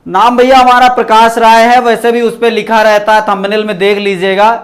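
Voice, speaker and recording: In his online grammar class, a Sanskrit teacher speaks at a moderate pace with a flat delivery and a voice that sits high. He goes over each point repeatedly and checks in often with "ठीक ना."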